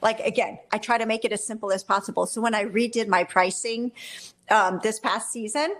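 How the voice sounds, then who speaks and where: A woman's voice: on the high side, fairly quick, a bit bright. A woman talking shop as a guest expert in a casual interview, rambling and correcting herself as she goes, with frequent small laughs. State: briefly coughing and hoarse. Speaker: photography business owner, guest expert.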